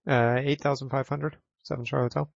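A man's voice: medium pitch, level tone, a little fast, vocal fry, dry recording. A man making pilot radio calls through a cockpit headset. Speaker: private pilot on air traffic radio. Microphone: pilot headset over radio. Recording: muffled aviation radio with clicking.

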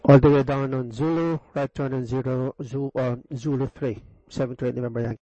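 Guy pilot on a cockpit headset doing short radio readbacks, mellow dry voice. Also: mid-range voice, fairly even intonation, brisk, no room sound, dull audio. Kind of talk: clipped aviation radio readbacks.

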